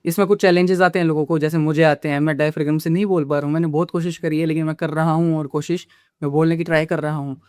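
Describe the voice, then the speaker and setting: A man's voice: on the high side, flat delivery, fast, a little mellow, clean tone, no echo, clean studio sound. A man who makes communication-skills videos, lecturing the viewer directly and casually, dropping English phrases into his talk. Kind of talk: casual instructional talk to camera.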